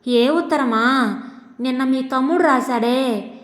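A woman voicing a sharp-tongued, quarrelsome middle-aged housewife who scolds and taunts her husband. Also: sits high, takes it slowly. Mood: sarcastic. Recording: echoey room with long reverb.

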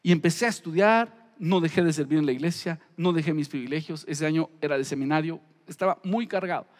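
A middle-aged man, a pastor preaching a storytelling sermon, animated, acting out the voices he quotes. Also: on the high side, a little fast, big-room sound.

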